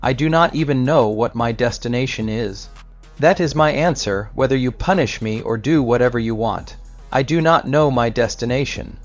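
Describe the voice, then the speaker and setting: A man voicing a pious old man who stays calm and firm in his faith, read storybook-style. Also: medium pitch, moderate pace, close to an everyday voice. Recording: slightly dull recording with soft music.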